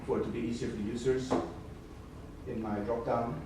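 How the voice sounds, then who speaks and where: At a conference in a large room, a Swedish man whose first language is Swedish presents a technical demo, stepping through code informally and restarting his sentences often. His medium-pitched voice is flat and fairly quick. The audio is noisy and echoey, with the voice far from the mic.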